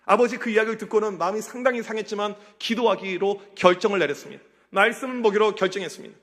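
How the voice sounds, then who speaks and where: Fast-talking high-voiced man preaching to teens. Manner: animated storytelling, quizzing the teens directly. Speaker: pastor. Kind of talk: sermon to a youth group. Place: church sanctuary. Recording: church hall reverb.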